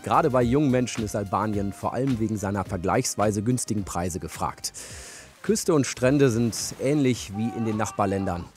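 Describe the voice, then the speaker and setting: A man as a travel reporter, giving calm, scripted documentary narration and asking a local guide questions. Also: lowish voice, moderate pace. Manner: calm, even storytelling delivery. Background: music.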